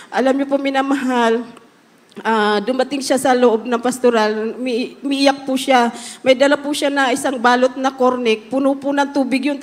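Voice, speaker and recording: Fervent woman testifying in an echoing church hall. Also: high-pitched. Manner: fervent, often calling out hallelujah. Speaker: church member giving testimony. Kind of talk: religious testimony before a congregation.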